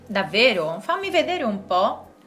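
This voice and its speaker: A woman takes part in a scripted dialogue for language learners. She speaks clearly and at a measured pace, in a mid-pitched voice. Soft music plays faintly behind her. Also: sing-song. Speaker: dialogue partner in a language lesson.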